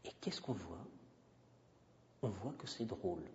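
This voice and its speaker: A man's voice: on the low side, expressive, a little slow, darkish tone, slight background noise. A man giving a university lecture into a handheld microphone, emphatic and digressive, talking freely with the audience. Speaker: guest lecturer. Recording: dull lo-fi recording with long hall reverb.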